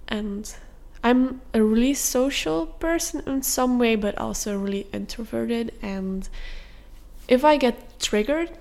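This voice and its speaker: A young woman hosts a podcast, telling a personal story in a candid, confessional way. Her voice carries a gravelly vocal fry, and she pauses on soft fillers as she goes. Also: fairly high pitch. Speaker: podcast host.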